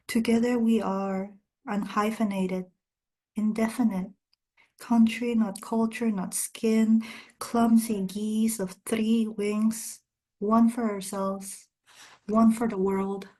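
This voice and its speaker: With a warm, mid-range voice, a Spanish- and Korean-speaking woman poet gives short spoken introductions before reading her poems in deliberate, measured short phrases.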